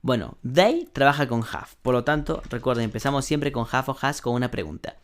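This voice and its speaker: A man teaching an English grammar class online, explaining step by step, translating each example and saying the English sentences slowly. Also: medium pitch, lively intonation.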